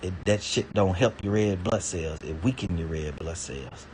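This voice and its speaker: Low-voiced man on a profane rant. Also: moderate pace, a little mellow, a little hiss or hum. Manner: rambling, swears heavily, stammers and repeats words; indignant, pitch jumps high when worked up. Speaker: vlogger.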